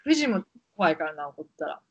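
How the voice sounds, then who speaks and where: A woman with a Kansai accent co-hosting a casual podcast chat, telling stories in an expressive, emphatic way with lots of giggles. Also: fairly low pitch, normal speed, slightly rough, lo-fi sound. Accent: Kansai Japanese. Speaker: podcast co-host.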